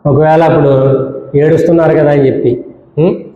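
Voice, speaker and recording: A man's voice: on the high side, normal speed. A male pastor preaching a sermon, scolding his congregation with rhetorical questions and repeated lists. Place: church hall. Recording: dull echoey church hall with long reverb.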